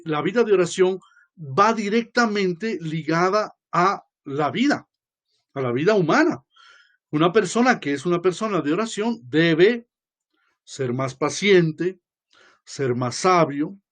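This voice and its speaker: Archbishop type, high-pitched man, loose lecturing delivery with asides and tag questions. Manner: conversational, often adds tag questions; acts out quoted voices. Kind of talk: informal religious lecture.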